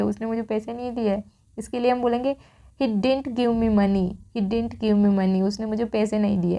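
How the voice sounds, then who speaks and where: Mellow-voiced Indian woman teaching English. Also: medium pitch. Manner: reads each English sentence slowly twice, then explains. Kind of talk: spoken English lesson in Hindi.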